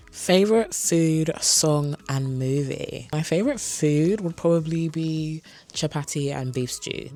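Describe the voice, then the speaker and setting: Answering viewer questions in a casual bedroom vlog, a South London woman in her twenties talks from a beanbag chair into the camera before her. Her accent mixes London and Kent, her low voice has a darkish tone, and she's chatty and candid, often going off on asides.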